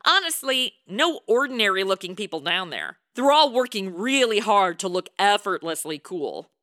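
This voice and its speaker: A woman's voice: medium pitch, very animated, moderate pace, sharp tone, no echo, clean studio sound. An actress playing a flippant modern young American woman stranded in the past, in a comedy audio drama. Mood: chatty.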